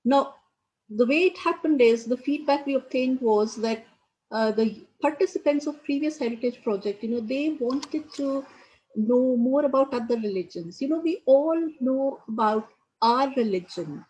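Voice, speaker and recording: A woman's voice: high voice, moderate pace, darkish tone, rough recording. A woman raised in India, leading a community project, giving an earnest speech at a launch event and leaning on "you know" fillers.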